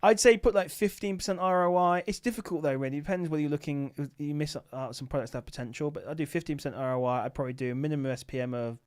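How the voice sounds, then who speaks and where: Late at night, an Amazon seller livestreams in a casual, filler-heavy chat, thinking out loud and sounding sleepy and tired. He talks at a racing pace with few pauses, in a fairly high voice that is clear and resonant.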